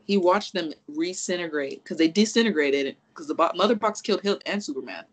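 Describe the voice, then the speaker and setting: Excitable podcast cohost, swears a lot, rambly, keeps restarting, mid pitch. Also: fairly quick, rough recording. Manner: animated and profane, rambling with restarts, acts out reactions. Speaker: podcast co-host. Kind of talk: casual chat.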